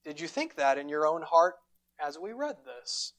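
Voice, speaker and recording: A man preaching a sermon as pastor, retelling a scripture story with dramatic emphasis and deliberate pauses. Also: a little high, big pitch swings, fairly bright tone. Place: church sanctuary.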